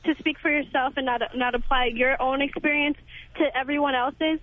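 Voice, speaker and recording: An indignant woman caller lecturing over the phone. Her voice is high and thin, squeezed through a tinny phone line. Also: fairly even intonation, a little fast.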